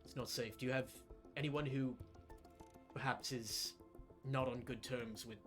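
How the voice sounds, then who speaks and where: A man's voice: mid-range voice, fairly even intonation, measured pace, a bit bright, faint music behind, lightly acted. A man doing a terse, guarded male ally. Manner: clipped, curt warnings.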